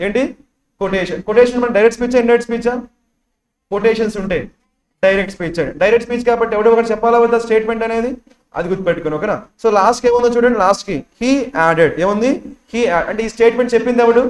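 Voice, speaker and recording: A man with a Telugu accent and an extremely high-pitched, darkish voice teaches English for an exam. In a classroom lecture explaining test questions, he quizzes the class with constant questions and repeats key words, with echoey classroom sound.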